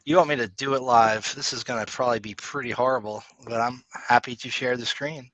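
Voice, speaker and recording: A man's voice: medium pitch, fairly even intonation, a little fast, fairly bright tone, no echo, low-quality recording. A man co-hosting a podcast in casual, rambling chat, laid-back and swearing now and then. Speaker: podcast co-host.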